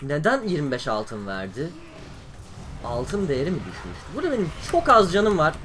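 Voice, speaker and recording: Lively high-pitched young man gaming. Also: normal speed, music in the background. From Turkey. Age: young adult. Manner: excitable, exclaiming and grumbling at the game. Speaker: gaming YouTuber. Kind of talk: live gameplay commentary.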